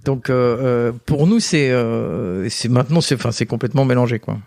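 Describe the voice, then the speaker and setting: A man's voice: medium pitch, moderate pace, creaky, no room sound, studio quality. A man, a guest and father, telling family stories in a casual interview, acting out the voices of the people he quotes. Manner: animated anecdotes, acts out quoted voices.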